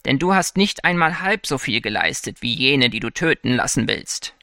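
A man's voice: mid-range voice, expressive, normal speed, pushed and bright, no echo, clean studio sound. A man doing a trembling mysterious old man. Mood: stern. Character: mysterious old man, gentle then stern.

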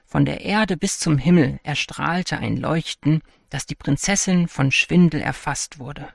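A man reading a fairy tale aloud in a calm, even storytelling manner. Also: a little high, a little slow, creaky, no room sound, studio quality. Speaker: narrator. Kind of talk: scripted fairy-tale narration.

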